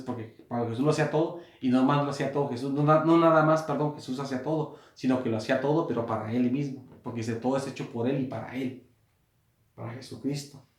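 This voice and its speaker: A male pastor gives a sermon from a small room, his mid-range voice ringing off the walls. He repeats and rephrases as he goes, and swells to loud emphasis whenever he reaches a quoted line. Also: mid-range voice, echoey room.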